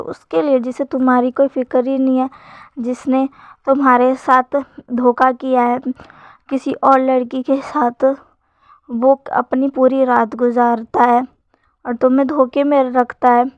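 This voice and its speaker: A woman's voice: high-pitched, little pitch movement, unhurried, clear, resonant tone, no echo. A woman voicing a scheming, possessive young man who pleads with his friend, read in her plain narrating voice. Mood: pleading. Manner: read in a plain narrating voice, softer when plotting. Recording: dull lo-fi sound.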